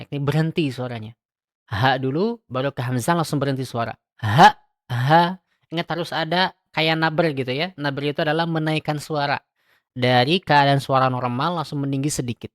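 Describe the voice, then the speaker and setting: A man's voice: a little high, steady tone, brisk, a bit bright, no room sound, studio quality. Man teaching Quran letter pronunciation. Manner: explains step by step, addressing listeners as friends; demonstrates throat letter sounds aloud in drills. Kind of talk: tajwid pronunciation lesson.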